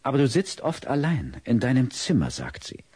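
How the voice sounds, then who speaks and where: In an audio drama, a man plays a big, kindly child psychologist who gently probes and explains. His husky voice is lively in pitch and moves at normal speed, recorded dry with no echo.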